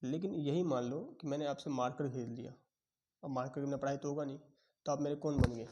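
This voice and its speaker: A man's voice: medium pitch, brisk, dark tone, dull audio. A young man teaching a commerce lecture, quizzing students and acting out their answers in Hinglish. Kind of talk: classroom lecture.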